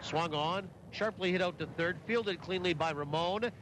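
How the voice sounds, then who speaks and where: Male sports broadcaster for live baseball radio, slightly high voice, measured commentary, audible open-air ambient noise. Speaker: baseball radio play-by-play announcer. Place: outdoor ballpark broadcast booth. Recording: clear outdoor ambient noise.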